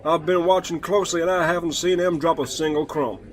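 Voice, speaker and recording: A man playing an earnest high-voiced sports commentator. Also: fairly even intonation, a little fast, natural voice. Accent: British. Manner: earnest play-by-play delivery. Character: male sports commentator Rick, keen and earnest. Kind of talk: comedy sketch sports commentary.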